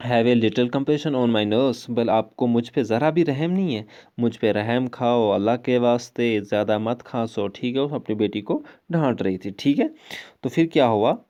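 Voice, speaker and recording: Male teacher, Kashmiri accent, mellow tone; slow line readings, patient explaining. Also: medium pitch, animated, dull audio. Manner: reads English lines slowly, then explains with frequent "ठीक है?". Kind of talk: explaining an English prose lesson in Hindi-Urdu.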